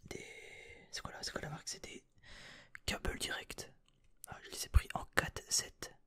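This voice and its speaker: A man's voice: unhurried, a bit bright. A young man whispering through an unboxing vlog in his bedroom into a desk microphone, hesitant and rambling with mild swearing. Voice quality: breathy whisper. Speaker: vlogger.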